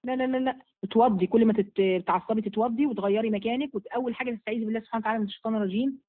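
Fast-talking Egyptian woman on a tinny line. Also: fairly high pitch. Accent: Egyptian Arabic. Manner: brisk, firm, motherly, blessing each asker by name. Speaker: religious teacher answering viewers' questions. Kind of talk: live question-and-answer session. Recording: phone-like narrow sound.

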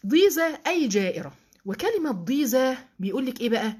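A woman's voice: high voice, very animated, quick pace, darkish tone, slightly rough. A woman with an Egyptian accent giving a religious lesson, asking rhetorical questions, checking in with listeners and adding emphatic, affectionate asides. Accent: Egyptian Arabic. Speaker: religious teacher.

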